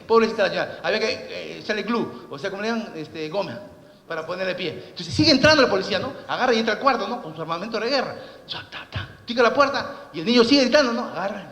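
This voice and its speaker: Picture a man lecturing on law in a large hall with a long, echoing reverb. He talks fast and in a high voice. He tells anecdotes full of rhetorical questions and sound effects. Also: animated, fairly bright tone. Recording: echoey hall recording.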